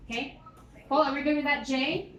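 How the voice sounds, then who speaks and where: A woman's voice: high voice, fairly even intonation, normal speed, a bit bright, muffled recording. A woman in her thirties with a Filipino accent, interviewing someone in a casual, chatty and directive way. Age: 30s. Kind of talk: casual job interview chat. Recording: echoey noisy room.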